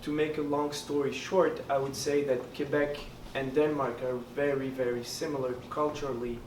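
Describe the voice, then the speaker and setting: Picked up by a distant mic in a roomy lounge hall with background noise, a student election candidate whose first language is French responds at a debate. His voice is medium-pitched, level and a little mellow at normal speed, and his answers are sincere yet halting, packed with fillers.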